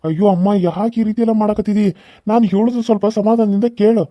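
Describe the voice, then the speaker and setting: A man's voice: high voice, quick pace, dark tone, dry recording, clean studio sound, close to an everyday voice. A man with a North Karnataka Kannada accent voicing an earnest young married son who pleads and explains in a cartoon serial. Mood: pleading.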